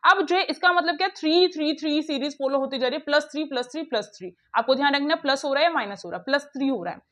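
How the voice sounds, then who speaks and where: A woman teacher explaining puzzles step by step in a brisk, coaxing way, talking straight to her students. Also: high voice, pushed and bright. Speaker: online teacher. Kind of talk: classroom lesson explaining puzzles.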